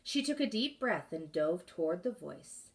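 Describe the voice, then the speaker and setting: A woman's voice: on the low side, big pitch swings, a little slow. Teacher lady reading a story aloud to kids, stops to ask questions, sounds a bit far from the mic. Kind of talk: reading a chapter book aloud to a class.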